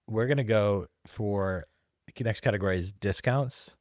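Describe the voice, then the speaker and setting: Lowish-voiced man in casual chat. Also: normal speed, darkish tone, no echo, clean studio sound. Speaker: podcast co-host. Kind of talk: casual conversational co-hosting.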